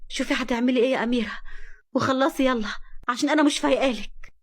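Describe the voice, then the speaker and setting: A woman with an Egyptian accent voicing a young woman who is tearful and defiant, her voice pitched high and indignant. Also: steady tone, fast talker, close to an everyday voice. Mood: hurt, defiant. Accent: Egyptian Arabic.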